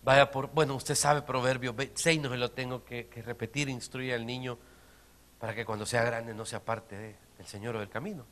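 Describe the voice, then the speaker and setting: A man, a pastor preaching a sermon, swinging between quiet, close remarks and loud, emphatic repeated phrases. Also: medium pitch, fairly even intonation, moderate pace. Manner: dynamic preaching, swinging from soft to shouted emphasis.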